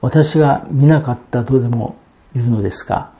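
Mellow-voiced male preacher. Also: medium pitch. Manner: measured expository preaching, reading out Bible verses. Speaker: pastor. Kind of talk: sermon.

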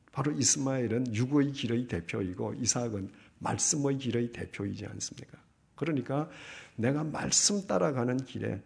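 A man's voice: medium pitch, gravelly. A man preaching a sermon, reading scripture aloud and putting rhetorical questions to the congregation. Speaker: pastor.

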